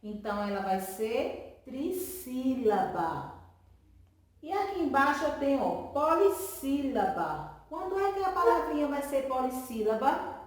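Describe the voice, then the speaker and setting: A woman's voice: sits high, sing-song, measured pace, far from the mic. A woman teacher giving a remote lesson to children, stretching out words syllable by syllable and answering her own questions in a sing-song way. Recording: echoey room, voice from off-mic.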